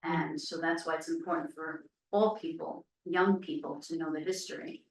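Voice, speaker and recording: A woman's voice: low voice, fairly even intonation, moderate pace. A woman panelist speaks in an earnest, emphatic and persuasive way. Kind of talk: panel discussion. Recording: roomy, distant.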